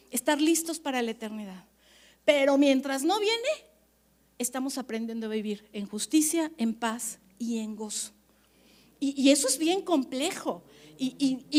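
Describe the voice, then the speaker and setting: This female pastor's voice sits high as she addresses a leaders' conference. She preaches in a lively, conversational manner, pausing often to make sure the crowd is with her.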